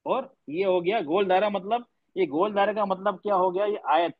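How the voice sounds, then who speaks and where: Male tajweed teacher, high voice, patient and repetitive, dull lo-fi class audio. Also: moderate pace. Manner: patient, repeats points, quizzes students; mixes English words into speech. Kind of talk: online class lecture. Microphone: online class audio.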